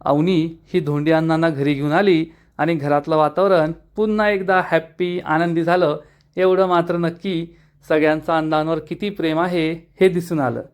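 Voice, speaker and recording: A man with a Marathi accent narrates a recap of a TV serial episode in a storytelling way. His voice sits high for a man. He reads out the characters' lines as he goes. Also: steady tone, moderate pace, clear, resonant tone. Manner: storytelling, reading out dialogue of the characters.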